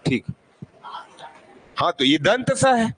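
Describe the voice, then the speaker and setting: A man's voice: sits high, big pitch swings, slow pace, a bit bright, slightly rough. A man teaching a classroom grammar lesson, asking questions and answering them himself, repeating sounds to demonstrate them.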